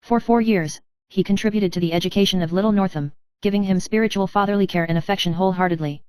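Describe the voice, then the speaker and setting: A woman narrating a first-person story in a steady, measured reading style. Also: medium pitch, smooth, dry recording.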